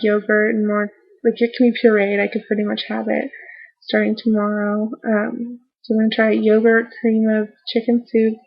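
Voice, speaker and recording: Casting: woman vlogger, worn out post-surgery, flat and croaky, halting casual update, slightly dull home-recorded sound. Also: a little high. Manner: halting, trailing off mid-thought. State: tired and sore after recent surgery. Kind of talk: casual rambling video diary.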